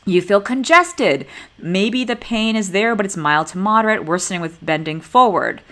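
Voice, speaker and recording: A woman in her forties speaks as a neurologist teaching a class. Her pitch swings widely as she talks, animated and conversational. She tells stories and acts out the dialogue in them. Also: moderate pace. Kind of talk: teaching talk with personal stories.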